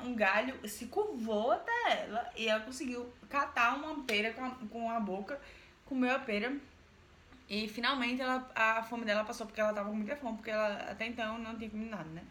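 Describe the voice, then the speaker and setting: A woman's voice: fairly high pitch, fairly bright tone. A woman retells a folk tale casually, with emphatic repetitions and asides to her listener. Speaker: storyteller. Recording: roomy echo, faint background noise.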